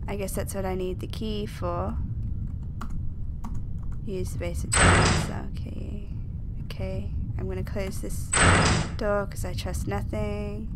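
A woman giving self-mocking let's play commentary on a horror game, breaking into sudden panicked shrieks. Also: mid-range voice. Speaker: game streamer. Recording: loud background noise.

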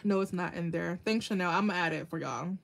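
A woman with a slightly low voice hosts a relaxed nail art livestream. She talks casually, answers viewers by name and laughs easily as she demonstrates, keeping a friendly, chatty tone. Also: brisk, gravelly. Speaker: nail artist hosting a tutorial livestream. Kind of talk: casual livestream tutorial chat.

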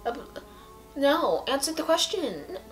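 With a high-pitched, very animated voice at a measured pace, a young vlogger talks sleepily to a camera at arm's length as faint music plays. She's indoors on her carpet late at night, tired and suffering a headache. Her giddy monologue drifts from one topic to another.

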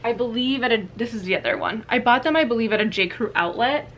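A woman's voice: a little high, lively intonation, fast, fairly bright tone, slight background noise. A young woman vlogging casually in a small walk-in closet, talking to a camera on a tripod a few feet away, with lots of "like" and "you know". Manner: chatty, filler-heavy, candid. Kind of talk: casual closet clean-out vlog.

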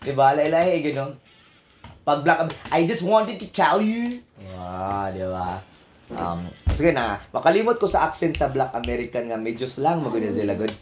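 Playful Cebuano radio DJ, echoey studio. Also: male voice, big pitch swings, normal speed, soft background music. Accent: Filipino, Cebuano-speaking. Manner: playful, mimics accents in high squeaky bursts, laughs often. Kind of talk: casual radio chat imitating foreign accents.

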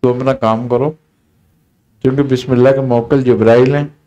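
A man, a spiritual teacher, telling a story in a relaxed conversational talk and acting out the quoted dialogue. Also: mid-range voice, dull audio. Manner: unhurried, recounting with quoted dialogue.

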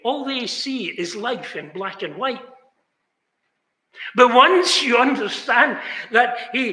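A very high-pitched, bright and forceful voice carries an older British man's earnest sermon, which sometimes swells into exclamations. He sits in mid shot before a fixed camera inside an echoing chapel hall.

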